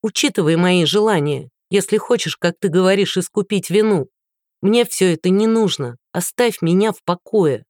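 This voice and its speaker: A woman voicing a sharp-tongued, scornful young woman who answers with biting mockery. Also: on the low side, normal speed, no room sound, clean studio sound, close to an everyday voice. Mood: mocking. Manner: mocking, biting.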